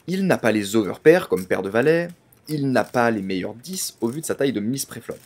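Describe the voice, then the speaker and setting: Man, mid-pitched, analytical vlog narrator with English poker jargon. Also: lively intonation, a little fast. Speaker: poker player narrating his session.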